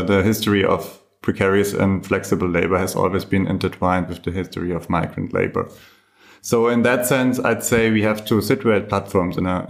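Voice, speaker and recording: Male sociologist guest, low voice, articulate and lecturing. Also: creaky. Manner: articulate, lecturing, organized points. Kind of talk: explanatory interview answer.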